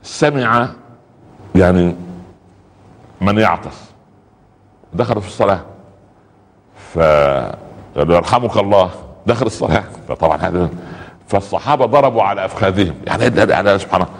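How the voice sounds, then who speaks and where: Male preacher, Egyptian Arabic accent, rapid, chatty sermon delivery with pious interjections, long reverb around the voice. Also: deep voice. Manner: conversational, repeats pious exclamations, acts out little dialogues. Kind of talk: colloquial religious talk.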